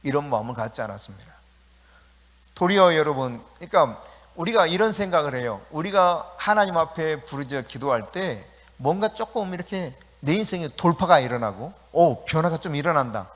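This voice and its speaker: A male pastor delivering an evening sermon with emphasis and dramatic flair. His voice sits a touch high for a man. The long reverb of the church sanctuary trails behind every phrase. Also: expressive, fairly quick, fairly bright tone. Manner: emphatic, acts out scripture quotes. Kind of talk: sermon at an evening prayer meeting.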